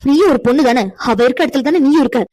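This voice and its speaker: In cartoon voice acting, a woman plays a defiant young woman who indignantly lectures while defending her friend. Her voice sits high and races, with a darkish tone.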